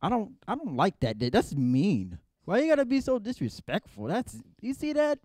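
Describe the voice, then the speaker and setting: Playful young stand-up comic with a higher voice. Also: male voice, huge pitch swings, moderate pace, mellow, no room sound, clean studio sound. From San Jose, California. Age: young adult. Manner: playful, mock-indignant, chatty with the crowd. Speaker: stand-up comedian. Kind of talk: stand-up comedy set.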